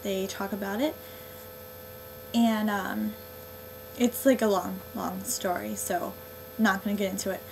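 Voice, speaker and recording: A woman's voice: medium pitch, steady tone, unhurried, gravelly, pauses often, a little mellow, slight background noise, poor audio. A young woman vlogging a casual movie review, sarcastic and exasperated, filling her talk with 'um' and 'like'.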